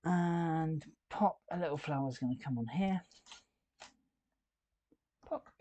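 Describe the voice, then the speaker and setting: A man's voice: fairly high pitch, slow pace, warm tone, no echo. A man hosting a live building stream, chatting and thinking aloud as he works. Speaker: host.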